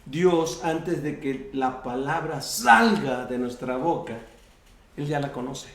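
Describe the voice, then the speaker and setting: A man's voice: medium pitch, lively intonation, slow pace. A man preaching a sermon as pastor, acting out prayers and quoted speech, often restarting his phrases. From US-Mexico border region. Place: church sanctuary. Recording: echoey church room.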